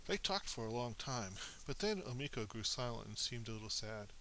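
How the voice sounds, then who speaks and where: A man narrating a children's story in an animated, expressive reading with small slips. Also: mid-range voice, fairly quick, slight background noise, poor audio.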